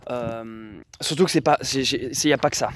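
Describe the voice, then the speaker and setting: A man's voice: mid-range voice, normal speed, background noise. A young man vlogging outdoors beside his bunker and orchard, talking straight to his viewers with many restarts and filler words. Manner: rambling, restarts, addresses viewers directly. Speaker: survivalist vlogger. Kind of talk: casual vlog to camera. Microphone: handheld camera.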